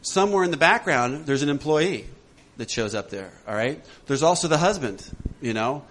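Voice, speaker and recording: A man leading a recovery workshop for a group, animated and laughing often as he acts out voices. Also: a little high, normal speed. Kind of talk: talk to a group.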